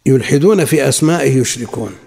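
A man teaching a religious lesson, reading quotations from classical sources and then explaining them in a measured way. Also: medium pitch, creaky, a little mellow. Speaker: Islamic scholar teaching a lesson. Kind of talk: lecture explaining a classical text. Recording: long hall reverb.

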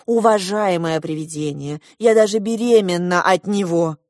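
A woman reading an audiobook, voicing an emotional young woman who shouts in a high, shrill voice. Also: normal speed, dry recording, clean studio sound, natural voice. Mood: smug. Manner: shrill, cries out angrily.

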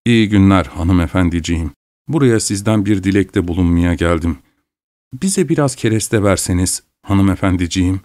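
A man's voice: low voice, moderate pace, a little mellow, voice pushed down, close to an everyday voice. A man voicing a humble peasant who fawns and pleads politely with a lady. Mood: wheedling. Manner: fawning, ingratiating. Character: humble, wheedling male peasant elder.

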